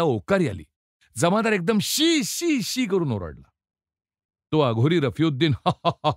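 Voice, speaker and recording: A man narrating a novel aloud in an expressive, theatrical storytelling manner. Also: fairly high pitch, no room sound, clean studio sound. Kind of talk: dramatic audiobook narration.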